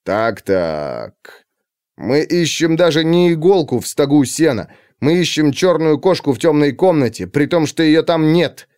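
A man's voice: fairly high pitch, big pitch swings, unhurried, darkish tone, smooth, no room sound, studio quality, pitched above the performer's own voice. A man voicing a domineering, irritated police colonel in an audiobook reading. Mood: condescending. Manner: irritated, condescending. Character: domineering middle-aged male police colonel.

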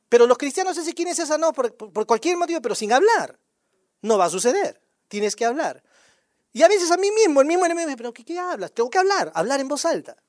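A man's voice: extremely high pitch, no room sound, clean studio sound. A male pastor preaching a sermon in a conversational way, firing rhetorical questions at the congregation.

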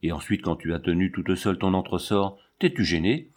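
A passionate, brutal young lion tamer in a storybook reading, as a man reads him. He speaks urgently in a low voice, pleading and demanding by turns. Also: a little fast, a little mellow. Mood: heated.

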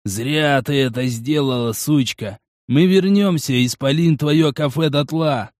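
A man's voice: on the high side, unhurried, a little mellow, no echo, clean studio sound, close to an everyday voice. Man doing a snarling biker thug. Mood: mocking. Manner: snarling, rough, swearing. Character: brutish male biker thug, crude and menacing. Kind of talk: audiobook character voice.

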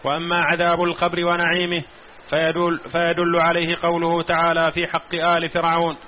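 A man reading a religious text aloud in a class, steady and even. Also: on the high side, brisk. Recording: tinny phone-like recording with faint hiss.

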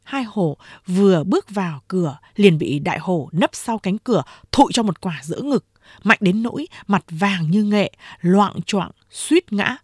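A woman narrating a story aloud in an expressive reading voice. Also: medium pitch, unhurried, breathy edge, dry recording, studio quality.

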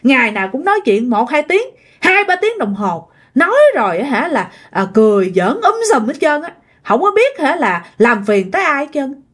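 A woman's voice: high-pitched, very animated, normal speed, slightly rough, voice pushed up, full character voice. A woman voicing an angry young female ghost who scolds shrilly. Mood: angry scolding.

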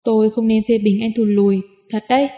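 A woman's voice: a little high, level tone, fairly quick, lightly acted. Woman reading a wry, wary young woman. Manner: wry, mock-earnest. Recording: dull lo-fi audio with long reverb.

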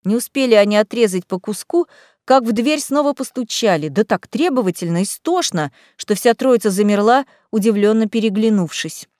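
Lively woman reading a storybook. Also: mid-range voice, moderate pace, dry recording, clean studio sound. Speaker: audiobook reader. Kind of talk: storybook narration.

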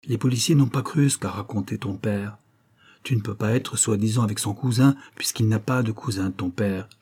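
A man voicing a worried middle-aged doctor in an audiobook, explaining things earnestly in a low, dark voice. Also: moderate pace, husky. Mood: grave.

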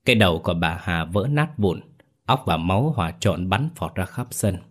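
Deep-voiced male horror storyteller. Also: expressive, normal speed. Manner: dramatic, ominous. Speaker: narrator.

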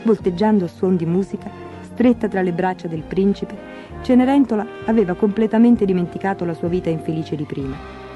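A woman narrating a fairy tale aloud in a gentle, expressive storybook manner. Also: mid-range voice, fairly quick, muffled recording, faint music behind.

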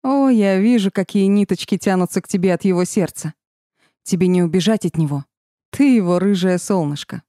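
A woman voicing a volatile young dark witch in an audiobook, with shrill laughing taunts that turn into sobbing wails. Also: brisk, no echo, studio quality, lightly acted. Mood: gleeful taunting.

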